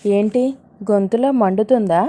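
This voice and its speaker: A woman's voice: mid-range voice, normal speed, dark tone, close to an everyday voice. A woman voicing a bold, scheming young woman who talks in a pushy, commanding way. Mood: threatening.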